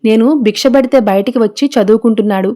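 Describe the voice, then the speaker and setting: A woman's voice: a little high, fast, mellow, natural voice. A woman voicing a domineering middle-aged mother-in-law who scolds and accuses in a storybook recap. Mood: accusing.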